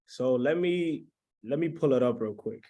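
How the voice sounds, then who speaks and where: A man's voice: mid-range voice, lively intonation, moderate pace, warm tone. A man in his twenties from the Dominican Republic, hosting a motivational webinar over a video call and keeping the audience engaged. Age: 20s. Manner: hyped, keeps checking in with the audience. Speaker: webinar host.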